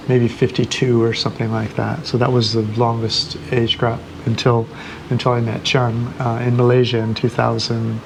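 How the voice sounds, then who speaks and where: A man in his sixties from the United States, recounting his past in a relaxed, rambling way with many pauses. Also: mid-range voice, vocal fry. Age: 60s. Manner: relaxed, rambling, hesitant fillers. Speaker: host. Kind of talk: casual chat. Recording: noisy background hiss.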